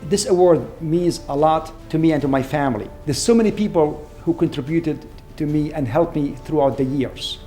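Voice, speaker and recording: A man, a surgeon speaking in an earnest, measured way in an interview. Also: on the high side. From Syria. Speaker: award-winning trauma surgeon. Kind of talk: reflective interview. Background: soft background music.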